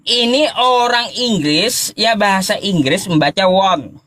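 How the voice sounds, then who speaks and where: A man argues in a heated debate, lecturing and mocking with stuttered restarts. His voice sits very high and sounds bright and forceful, with faint noise behind. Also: a little slow.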